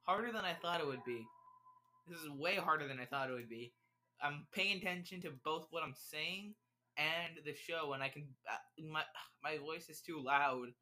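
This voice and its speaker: A video creator watches a show and jots down notes, rambling and thinking aloud in casual live commentary. Distracted, he mutters words as he writes them and often stops to correct himself. His slightly high voice is pushed and bright at a moderate pace, and the desk microphone's level shifts during the recording.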